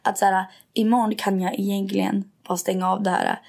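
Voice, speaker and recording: A woman's voice: medium pitch, little pitch movement, creaky, a little mellow. A young woman from Sweden, co-hosting a podcast, telling stories animatedly and mixing in English and swearing. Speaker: podcast co-host. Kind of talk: casual chat.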